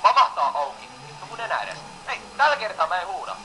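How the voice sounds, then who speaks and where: A woman's voice: fairly low pitch, sing-song, bright, forceful tone, poor audio. A young woman playing a horror game while chatting casually, swearing constantly and yelping when startled. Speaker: game player. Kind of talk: casual let's-play commentary.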